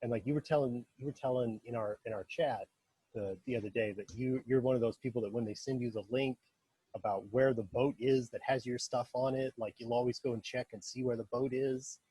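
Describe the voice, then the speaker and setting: A man hosts a casual interview, firing quick either-or questions in a friendly way. His voice is mellow and a little husky, and the recording is dry, with no room sound. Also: mid-range voice, steady tone, no echo. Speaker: interview host.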